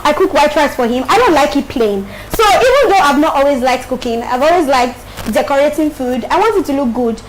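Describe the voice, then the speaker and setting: A Nigerian woman talks casually to her livestream viewers as she cooks, slipping into pidgin and breaking into laughter again and again. Her voice sits high and bright. The recording carries a clear layer of background noise. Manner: animated, laughs often, mixes in pidgin. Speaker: cooking livestreamer. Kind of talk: casual chat to viewers while cooking.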